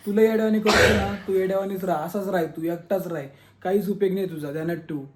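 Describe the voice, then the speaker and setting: A man's voice: sits high, fairly even intonation, quick pace, heavy background noise. A man taunting and berating someone with contempt in a heated family-feud video. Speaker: vlogger. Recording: echoey room.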